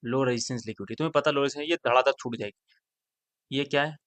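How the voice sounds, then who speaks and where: Male trading teacher, blunt and slangy, middle-pitched voice, dry recording, loud urging then quiet muttering. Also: very fast, no echo. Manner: blunt, slangy, repeats phrases, drops into mixed English. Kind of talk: casual screen-share trading lesson.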